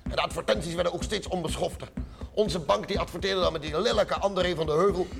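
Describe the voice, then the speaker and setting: High-voiced, gravelly male comedian, rhythmic chant-like monologue. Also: fast talker, music in the background. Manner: rhythmic, repeats chant-like sounds. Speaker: cabaret performer. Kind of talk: comic stage monologue.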